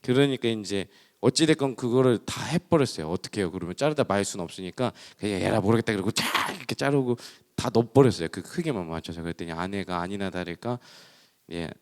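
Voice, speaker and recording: A man's voice: lowish voice, fast talker. Storytelling male pastor in a reverberant hall. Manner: lively storyteller, acts out dialogue. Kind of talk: sermon with personal storytelling. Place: church hall. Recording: long reverb of a church hall.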